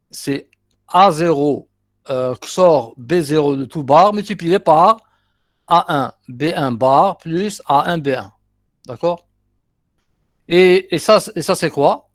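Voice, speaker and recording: A man's voice: a little high, no echo, studio quality. Algerian-accented man teaching a class. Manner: explains step by step, repeats terms, mixes in short asides. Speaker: university teacher. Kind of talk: classroom lecture, working through exercises.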